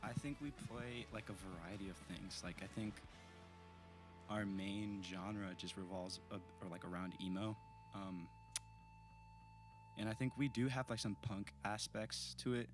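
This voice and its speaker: A teenage singer and guitarist from the East Bay, California, chats casually in an interview, speaking in a lowish, unhurried voice with music in the background. He's relaxed and rambles with lots of fillers.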